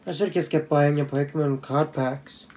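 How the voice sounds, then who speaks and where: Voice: mid-range voice, fairly even intonation, moderate pace, a little mellow, slight background noise. A channel host giving casual, joking commentary while opening cards indoors, humming little sound effects between cards.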